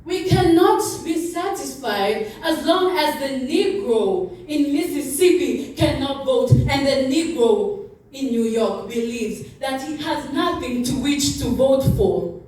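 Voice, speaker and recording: Woman doing a dramatic speech recital, really slow n high pitched, oratorical, super echoey and off the mic. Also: expressive, a little mellow, recorded from a distance. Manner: impassioned, oratorical, with deliberate pauses and repetition.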